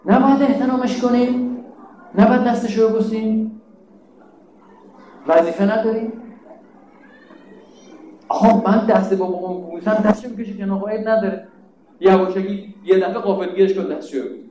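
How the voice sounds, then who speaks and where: A man's voice: sits high, steady tone, long pauses, dark tone, reverberant, slight background noise, poor audio. A man giving a religious sermon, emphatic and scolding, asking rhetorical questions. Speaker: preacher.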